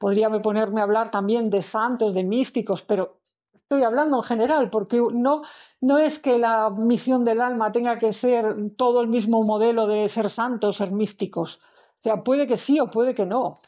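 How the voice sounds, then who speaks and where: A woman's voice: a little high, fairly even intonation, normal speed, warm tone. A woman, giving a spiritual lesson in a reflective way and thinking aloud with fillers and restarts. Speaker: spiritual teacher. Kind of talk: recorded lecture on the soul.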